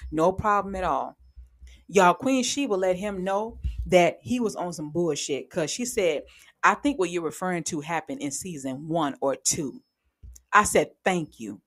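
A woman giving blunt, sarcastic, heavily profane commentary on reality TV gossip, speaking with sudden animated outbursts. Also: lowish voice. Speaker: commentary vlogger.

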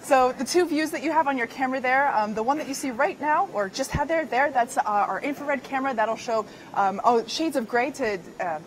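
A woman's voice: high-pitched, fairly quick, few pauses, a little hiss or hum. A woman hosting live launch commentary, explaining things in a conversational way. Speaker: webcast host.

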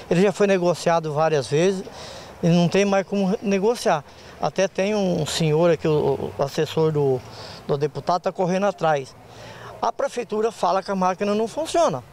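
An older man with a Brazilian Portuguese accent and a high, darkish voice speaks plainly in a street interview, with slight background noise. He's a market association president talking into a handheld reporter mic at an outdoor open-air market lot, using rural speech and repeating words.

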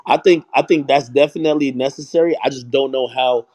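A young man from Jamaica chats loosely in an online voice room. He rambles, restarts his sentences and keeps asking "you know what I mean." His pitch sits in the middle for a man. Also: fairly quick, darkish tone. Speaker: hip hop media personality. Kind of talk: casual audio chat room conversation.

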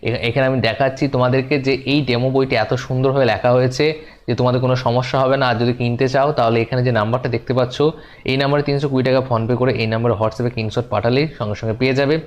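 A man's voice: mid-range voice, level tone, fast. Chatty man coaching a teaching demo. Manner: chatty, talks to the viewer as "you", repeats points. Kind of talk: explanatory lesson.

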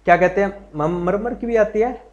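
A high-voiced man runs a live online exam-prep class. He is chatty and encouraging, repeats every point and keeps asking his students questions. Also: moderate pace, lo-fi sound. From Haryana, India. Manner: greets viewers and reads their comments aloud. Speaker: teacher.

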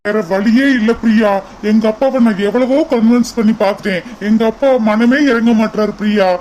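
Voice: medium pitch, fairly even intonation, fairly quick, a little mellow, faint music behind, lightly acted, low-quality recording. A voice actor playing an earnest young man coaxing his sweetheart in a cartoon. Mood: earnest pleading. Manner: coaxing, keeps repeating her name. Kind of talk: cartoon voice acting.

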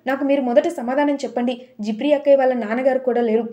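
A woman's voice: high voice, fairly quick, dark tone, close to an everyday voice. A woman voicing a stubborn, angry little boy who insists on being answered, in a storybook retelling. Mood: stubborn, defiant. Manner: insistent, defiant.

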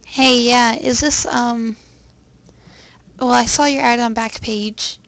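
Sitting indoors at a computer, a young adult chats casually and makes prank phone calls in a crude, sweary way. The voice is mid-range, gravelly and a bit bright, with fairly even intonation and a slow pace.

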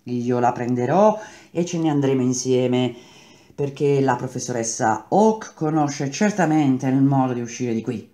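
A man's voice: mid-range voice, a little slow, mellow, lightly acted. A man voicing a scheming male traitor villain in a read-aloud novel, taunting and drawn out. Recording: roomy echo.

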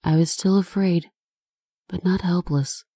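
A woman author reading her own horror novel aloud as audiobook narration, in a dramatic, expressive style. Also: fairly low pitch, a little slow, breathy edge, dry recording, studio quality.

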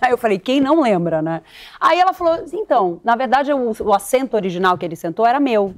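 A Brazilian woman guest on a talk show shares a personal anecdote in a lively, expressive way. Her voice is high and rises and falls widely. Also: quick pace. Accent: Brazilian Portuguese. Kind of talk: comic storytelling on a talk show.

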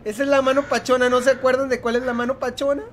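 A young man with a Mexican accent, commenting on a horror game in a joking, profane, excitable way. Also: extremely high pitch, rapid-fire, very noisy. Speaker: gaming youtuber.

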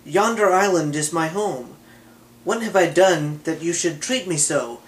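A man's voice: a little high, unhurried, natural voice. A man reading aloud voices a young male god in a myth, with a plain, slightly raised delivery. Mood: plaintive. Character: young male god, pleading then commanding.

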